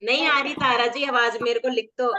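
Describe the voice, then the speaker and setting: Leading an online fitness class by video call, a woman speaks at a normal speed in a slightly high, fairly even voice. The recording is muffled with a crowd audible behind her, and she cheerfully urges people to laugh, checking in with "right?".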